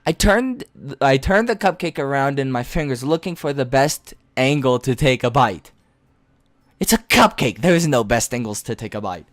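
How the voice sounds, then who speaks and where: Low-voiced woman streamer reading a game. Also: expressive, normal speed, no room sound. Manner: wry, stammering asides. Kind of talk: reading a visual novel aloud with commentary.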